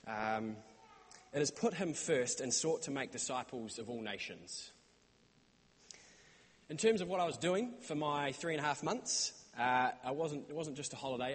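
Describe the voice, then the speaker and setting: A young man with a New Zealand accent gives an earnest church talk about his mission stay, often pausing with "um" and "uh". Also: medium pitch, fairly bright tone, breathy edge. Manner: earnest, many "um" and "uh" fillers. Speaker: church intern giving a report. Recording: reverberant hall sound.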